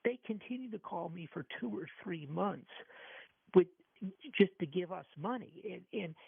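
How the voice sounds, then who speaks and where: A man's voice: high voice, expressive, moderate pace, creaky, breathy edge, dry recording. A man hosting a financial radio show, talking about the markets with many stammered restarts, taped off the radio. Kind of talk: call-in radio talk on markets. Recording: tinny lo-fi radio recording, dry.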